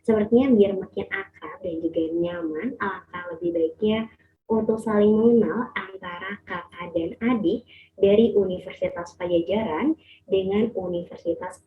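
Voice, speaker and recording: A woman's voice: medium pitch, moderate pace. A young woman hosting an event as MC, heard over an online call. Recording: thin, phone-like online call sound.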